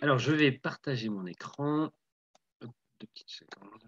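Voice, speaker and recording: A man's voice: mid-range voice, moderate pace, fairly bright tone, husky. A man co-presenting a webinar, upbeat and welcoming, speaking over a remote video call. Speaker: webinar co-presenter, marketing teacher. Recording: dull lo-fi video call audio.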